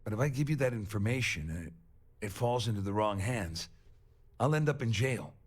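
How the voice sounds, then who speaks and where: Bitter, lowish-voiced spaceship schemer. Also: male voice, animated, fairly quick. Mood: angry, worried. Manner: blunt, suspicious, grudging. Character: bitter, self-serving male starship passenger cornered in shady dealings. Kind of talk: video game voice acting.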